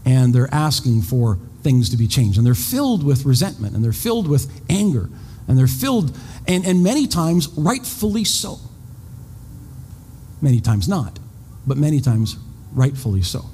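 Very animated and warm, with a slightly rough texture, this medium-pitched man speaks at normal speed. A pastor in his fifties, he preaches in a conversational way, repeating words and making self-mocking asides. The recording has long reverb and a little background noise.

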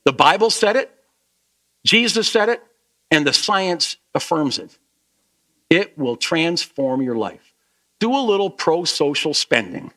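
A male pastor giving a lively sermon to his church, then leading a soft closing prayer. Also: fairly high pitch, measured pace, pauses often. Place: church sanctuary.

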